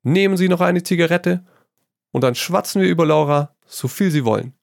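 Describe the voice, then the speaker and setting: A man's voice: a little high, a little fast, vocal fry, no room sound, studio quality, pitched above the performer's own voice. A man reading a story aloud, voicing a witty, worldly painter who teases his friend and tosses in French phrases. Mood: teasing. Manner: lively, amused, tossing in French phrases. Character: witty amused male painter, worldly and teasing.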